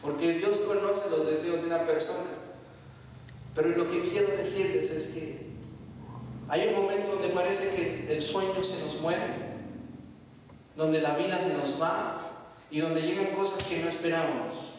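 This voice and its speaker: A man's voice: a little high, steady tone, unhurried, long pauses, a little hiss or hum. A man in his thirties, born in Mexico to Salvadoran parents, preaching a sermon and getting the congregation to repeat after him. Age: 30s. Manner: testimony with call-and-response to the congregation. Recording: echoey hall, picked up from far off.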